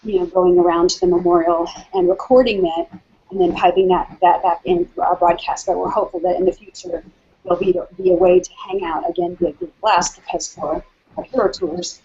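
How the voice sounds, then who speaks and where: A woman's voice: on the low side, fairly even intonation, a little fast, warm tone, breathy edge. A woman hosting a casual video call chat, slightly out of breath from walking, talking with many ums and restarts. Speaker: hangout host. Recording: dull lo-fi video call audio.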